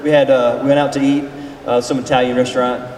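A folksy preacher in his forties, a pastor leading a seminar, speaks fast in a mid-range, darkish male voice with little pitch movement. His informal sermon is conversational and he questions the group in front of him. He's recorded from afar in a large, echoey, noisy hall.

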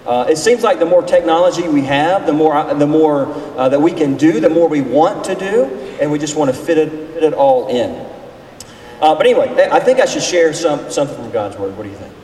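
Speaking a little high and briskly, with lively intonation and a dark tone, a man in his forties preaches informally to a group in a large, reverberant room. As a pastor leading a seminar, he keeps things folksy and conversational, quizzing his listeners. The hall recording is distant, echoey and noisy.

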